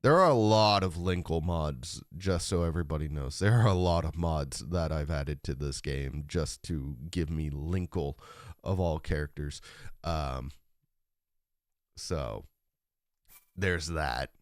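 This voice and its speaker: A man talks through a live game stream, unhurried and rambling to his chat. His voice sits very low and comes out deep and raspy from a rough throat. The sound is dry and close, with no room around it. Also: dry recording. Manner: rambling, humming along while playing. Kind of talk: live gameplay commentary.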